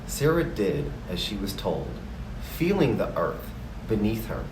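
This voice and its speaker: A man tells a story in a calm, gentle, measured way, his voice fairly low. He sits a long way from the microphone, with clear background noise around the narration. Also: echoey room, recorded from a distance. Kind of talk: slow scripted storytelling narration.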